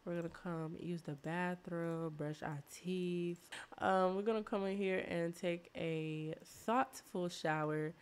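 Lady w a sick voice chatting thru her game, kinda low voice, bossing her characters around. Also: steady tone, slow, clean tone. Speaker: let's play host. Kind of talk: casual gameplay commentary.

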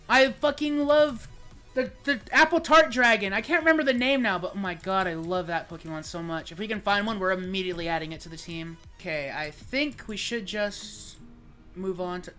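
A woman's voice: mid-range voice, fairly bright tone. A woman streamer commentating a game, talking casually to viewers with lots of swearing and internet slang. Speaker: gaming streamer. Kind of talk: casual let's-play commentary. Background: game music.

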